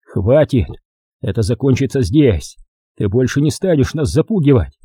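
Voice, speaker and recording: A man playing a defiant young man with a gun, speaking forcefully in an audiobook reading. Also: mid-range voice, lively intonation, normal speed, breathy edge, dry recording, clean studio sound. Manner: forceful, shouting.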